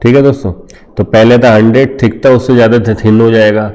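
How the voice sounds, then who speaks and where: A man's voice: mid-range voice, fairly even intonation, brisk, a little mellow. A man with an Indian accent giving an informal coding lesson over a screen recording, often checking in with his viewers as friends. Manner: informal, addresses viewers as friends, frequent "theek hai" fillers. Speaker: coding tutor.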